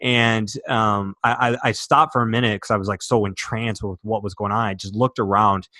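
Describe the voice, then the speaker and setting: A man's voice: on the low side, fairly even intonation, moderate pace, bright, forceful tone, no echo, clean studio sound. A young man from Michigan, a podcast guest, telling his personal story earnestly and emotionally, with many fillers and restarts. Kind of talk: candid interview storytelling.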